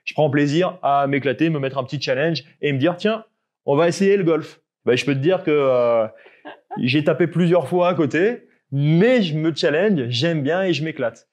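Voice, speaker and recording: A young male fitness coach, his voice on the high side with a darkish tone, casually explains tips to the viewer. He often checks in with a quick "ok?".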